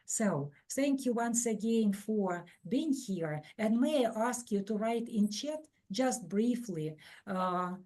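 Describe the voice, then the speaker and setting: A woman from Ukraine hosts an online teaching workshop, her voice warm and mellow. She talks in a measured, steady way, with the odd filler and restart. It sounds like a video call. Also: mid-range voice. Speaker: webinar presenter.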